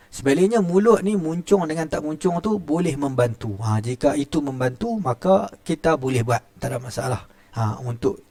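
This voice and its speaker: A man's voice: medium pitch, darkish tone, no echo, clean studio sound. A middle-aged man with a Malaysian Malay accent teaching Quran recitation rules in a chatty classroom style, often starting lines with "ha" and demonstrating sounds. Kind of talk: classroom tajwid lesson.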